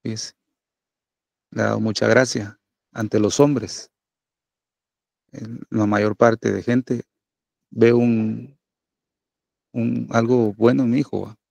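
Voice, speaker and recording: Man, middle-aged, pastor, conversational sermon, gravelly voice, dry close sound. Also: mid-range voice, level tone, slow, long pauses, a little mellow, no echo. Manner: conversational preaching with many tag questions.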